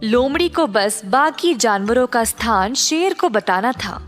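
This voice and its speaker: A woman storyteller reads a scripted children's tale slowly in a high voice with lively intonation, while soft music plays underneath.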